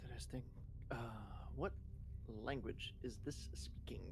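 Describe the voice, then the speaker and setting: A man's voice: mid-range voice, a little slow, noisy background. A man playing a tabletop game, talking casually and tentatively as he thinks aloud, with faint music behind him. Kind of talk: casual improvised game talk.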